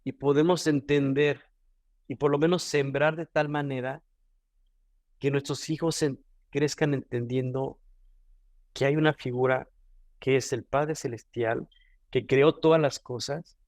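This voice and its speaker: A man's voice: medium pitch, fairly even intonation, unhurried, pauses often, darkish tone, no room sound, studio quality. Earnest Mexican man teaching devotionally. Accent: Mexican Spanish. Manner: earnest, repeats and restarts phrases. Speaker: devotional speaker.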